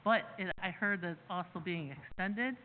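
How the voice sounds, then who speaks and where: A woman's voice: on the low side, normal speed. A woman treasurer giving her report at a committee meeting, hesitant and full of fillers and restarts. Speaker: village treasurer. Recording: tinny call audio with loud noise.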